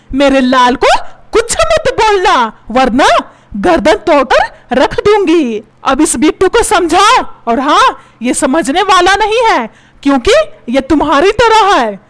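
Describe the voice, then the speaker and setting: A woman's voice: extremely high pitch, exaggerated voice. A woman voicing a put-upon cartoon father who grumbles and complains about being treated like a servant.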